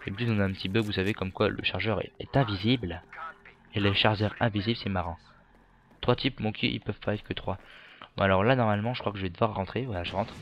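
A teenage boy giving casual, excitable gameplay commentary from his bedroom, joking and swearing freely. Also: lowish voice, quick pace, muffled recording, a little hiss or hum. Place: bedroom at home.

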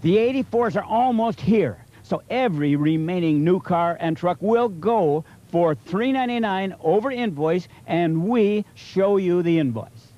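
A man with a high voice delivers a local car dealer's TV pitch. The sound is dull, like old tape. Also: animated, measured pace, few pauses. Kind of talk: local TV commercial.

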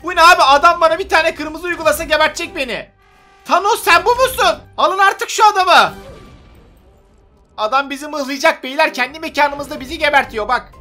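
A man giving playful, excitable gameplay commentary, teasing and trash-talking other players as he builds and fights. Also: very high voice, normal speed. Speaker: gaming YouTuber. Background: faint background music.

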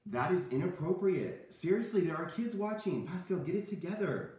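A man in his thirties hosts a children's cooking show, playing the animated straight man in scripted lessons with puppet banter. His voice is high-pitched and his pace normal. He's in a home kitchen, picked up by a camera a few meters off, and the room sounds very echoey.

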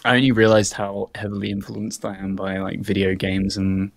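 A man with a British accent, a podcast guest, talking in a halting, monotone way in casual chat. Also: on the low side, vocal fry, dry recording, clean studio sound. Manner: self-described monotone, halting.

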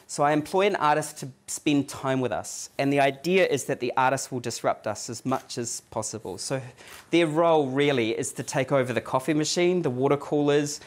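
A man with a New Zealand accent delivers a relaxed, conversational lecture to a live audience. He wanders through his points with restarts and fillers and often checks in with a quick "yeah?". His voice sits at an ordinary middle pitch. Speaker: guest lecturer. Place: office event space with a live audience.

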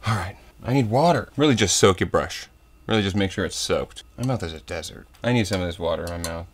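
A young man hosting a comedic painting tutorial parody, talking in a soft tutorial voice that slips into crude jokes. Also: low-pitched, quick pace. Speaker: comedy host.

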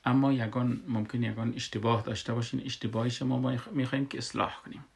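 A man's voice: mid-range voice, level tone, vocal fry. A man with an Afghan Dari accent teaching Quran recitation, patient and repeating words and examples so students can drill them. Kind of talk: tajweed lesson.

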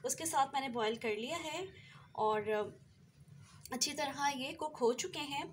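A woman's voice: sits high, measured pace. A woman walks through a recipe step by step in her home kitchen, often checking in with "theek hai". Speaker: cooking channel host. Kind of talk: recipe walkthrough over cooking footage. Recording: home video with frying noise. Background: sizzling oil and stirring.

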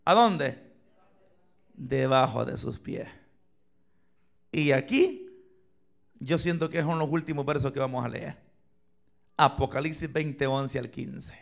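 A man preaching a sermon in a church, asking the congregation questions and swinging from loud cries to near-whispers. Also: medium pitch, takes it slowly, vocal fry, long pauses. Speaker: pastor. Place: church sanctuary, filmed for online viewers.

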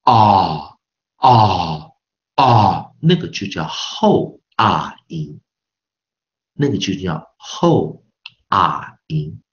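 A man's voice: sits low, sing-song, extremely slow, fairly bright tone, lo-fi sound. A man teaching English pronunciation in a recorded online lesson with a Taiwanese Mandarin accent, patiently repeating sounds over and over to demonstrate them.

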